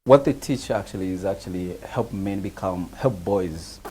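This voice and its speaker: A man's voice: sits low, moderate pace, warm tone, a little hiss or hum. A young man, answering casually and earnestly in a studio interview. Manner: earnest, many restarts, laughs easily. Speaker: guest.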